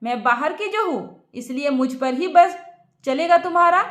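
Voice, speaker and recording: A woman voicing an angry, sharp-tongued young wife who shouts accusations. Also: high voice, lively intonation, moderate pace, echoey room.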